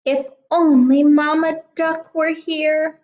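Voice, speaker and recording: A woman teacher reading a picture book aloud to children, gentle and expressive, pausing to ask questions. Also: high-pitched, muffled recording.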